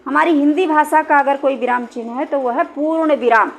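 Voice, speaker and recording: High-pitched woman teacher going over grammar, patient, repeats stuff, keeps checking you got it. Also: steady tone, brisk. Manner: patient, repeats points and checks with "thik hai". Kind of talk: explaining a Hindi grammar lesson.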